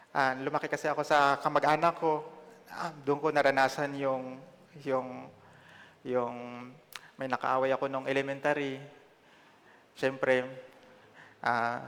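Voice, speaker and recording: A man in his twenties from the Philippines giving a personal testimony sermon, conversational and self-deprecating, often pausing on fillers. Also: mid-range voice, fairly bright tone, in a large hall. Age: 20s. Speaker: lay preacher.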